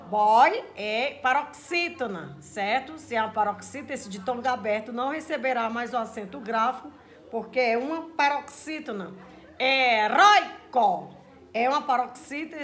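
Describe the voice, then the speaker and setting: A woman with a high, light voice gives a recorded grammar lesson to her students. She explains each rule patiently and keeps checking that they follow along. When she says a sample word, she draws it out slowly to bring out the stressed syllable. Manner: explains patiently, checks in often with "certo?" and "gente"; slowly stretches example words out loud to stress the syllables. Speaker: teacher.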